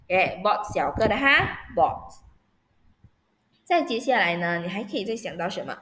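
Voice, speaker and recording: A woman's voice: mid-range voice, very animated, normal speed, fairly bright tone. A woman teacher running an online vocabulary lesson for children. She spells words out letter by letter and patiently checks that her pupils understand.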